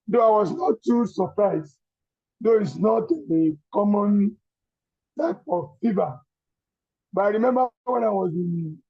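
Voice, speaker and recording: A man with a Nigerian accent, a coach invited to speak, talking slowly with many pauses in a strained voice over an online call. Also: high-pitched, mellow, husky, no echo, dull audio. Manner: slow, halting, many fillers. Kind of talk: casual talk on an online call.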